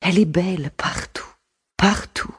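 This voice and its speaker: Ardent countess, low husky voice, drawls intimately, domineering. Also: female voice, slow, a little mellow, exaggerated voice. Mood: admiring. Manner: coaxing, intimate, possessive. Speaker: audiobook voice actor. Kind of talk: audiobook drama acting.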